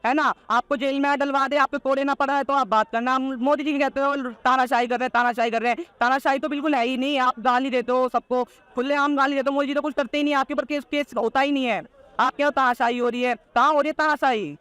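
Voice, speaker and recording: A teenage boy too young to vote rattles off political opinions in a street interview, all in one breath. His voice is very high, smooth and sharp, moving fast with fairly even intonation. He's combative and insistent, repeating his points and throwing out rhetorical challenges.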